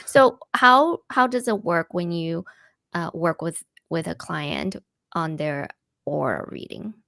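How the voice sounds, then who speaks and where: A woman's voice: on the low side, expressive, slow pace, gravelly, no room sound, clean studio sound. A woman hosting a casual live-stream interview, asking questions and giving short affirmations. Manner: warm laughs, short affirmations.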